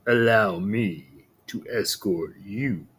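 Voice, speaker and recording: A man voicing a sly, greedy male wolf in a storybook reading, with a husky voice and a slow, scheming drawl. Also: on the low side.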